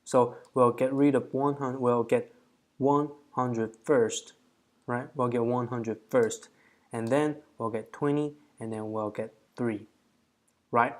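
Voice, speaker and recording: A man's voice: medium pitch, steady tone, slow pace. A man hosting a coding challenge, casually thinking aloud as he walks through a problem, counting out digits and correcting himself.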